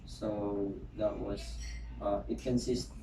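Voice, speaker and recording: A young man with a Filipino accent, answering interview questions politely and hesitantly, with halting phrases. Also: on the low side, level tone, dark tone. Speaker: job interview candidate. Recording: distant echoey noisy room recording.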